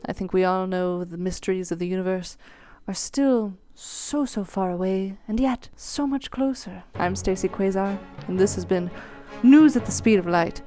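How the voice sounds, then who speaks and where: A woman's voice: medium pitch, steady tone, normal speed, few pauses, dark tone, faint music behind. A woman hosting a comedy show, interviewing a guest with playful, teasing, over-the-top reactions. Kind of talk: comic interview.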